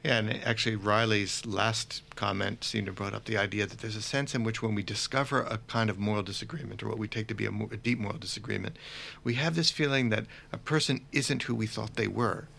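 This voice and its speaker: A man co-hosting a philosophy podcast, explaining ideas in a measured way. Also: on the low side, steady tone, gravelly, bright, forceful tone, a little hiss or hum. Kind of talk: conversational philosophy discussion.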